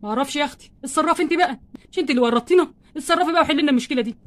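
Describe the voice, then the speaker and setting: Woman doing a broke egyptian husband doll, grumbles nonstop, talks super fast in a high voice. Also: fairly bright tone. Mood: scolding. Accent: Egyptian Arabic. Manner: exasperated grumbling, fast and wordy. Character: stingy flustered husband doll, grown man, always complaining. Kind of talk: doll play-acting.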